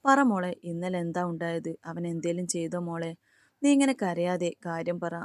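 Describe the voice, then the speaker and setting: A soft, tender mother figure, played by a woman storyteller speaks gently, with a protective edge underneath. Her voice sits low and warm in a dry, close recording. It is an audio storybook voice rather than a full character turn. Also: animated, moderate pace, no room sound, lightly acted. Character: caring middle-aged mother, fiercely protective.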